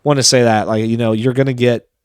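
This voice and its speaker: A man's voice: medium pitch, little pitch movement, fast, a little mellow, smooth, dry recording, studio quality. A man co-hosting a casual business podcast, talking in a rambling way with many restarts and fillers. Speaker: podcast co-host.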